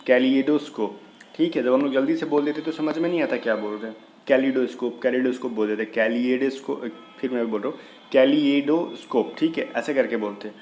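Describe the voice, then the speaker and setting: A man's voice: medium pitch, poor audio. Guy teaching spellings for an exam, chatty and loose, spells out each letter, a bit of background noise. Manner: casual explaining, spells words letter by letter. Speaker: English vocabulary teacher. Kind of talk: exam-prep vocabulary lesson.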